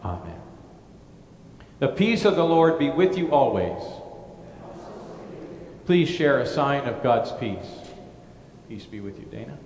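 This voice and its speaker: A man leading a church service, reciting liturgical prayers in a solemn, measured way, his voice carried by a cathedral-like echo. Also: medium pitch, big pitch swings, a little mellow, slight background noise. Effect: cathedral-like echo with a long church-hall reverb. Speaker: pastor leading worship. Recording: echoey, reverberant large church hall.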